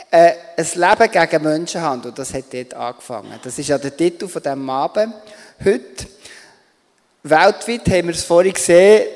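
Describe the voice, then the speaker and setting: A man's voice: on the high side, darkish tone. Swiss man hosting, hall echo. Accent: Swiss German. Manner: conversational, asking probing questions. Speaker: event host and interviewer. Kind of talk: stage interview.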